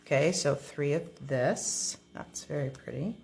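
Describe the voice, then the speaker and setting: A woman's voice: low-pitched, a little slow, gravelly, darkish tone. A woman hosting a card-making tutorial, chatting casually through an unboxing and thinking aloud with frequent ums.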